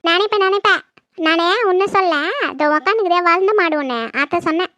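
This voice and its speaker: A performer putting on a bossy older mother-in-law from a village, always nagging and scolding in a shrill, high, pinched voice. The sound is close and dry, like a comedy skit shot indoors. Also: fairly quick, pushed and bright, no room sound.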